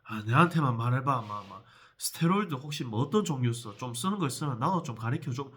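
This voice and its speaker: A man's voice: mid-range voice, expressive, fairly quick, fairly bright tone, lightly acted. A man quoting a nosy middle-aged gym acquaintance who pries in a confidential tone during a vlog story. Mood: prying.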